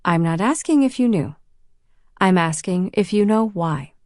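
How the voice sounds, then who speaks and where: A woman narrating an audiobook, voicing a stern middle-aged mother who speaks slowly, low and controlled. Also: lively intonation, darkish tone, no room sound, studio quality, lightly acted. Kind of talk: audiobook reading.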